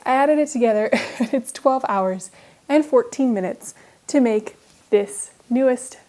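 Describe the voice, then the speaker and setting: A woman with a somewhat high voice talks in a casual vlog style. She is chatty and informal, rambling a little as she updates her viewers. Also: a little slow, mellow. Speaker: knitting vlogger.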